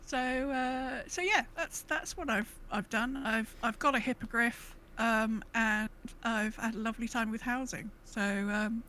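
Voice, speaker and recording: The audio is poor, with a bit of hiss or hum, as a woman with a slightly high voice talks a little slowly and with hardly any pauses. She's a gaming podcast co-host chatting casually, rambling and self-interrupting through animated retellings with quoted asides.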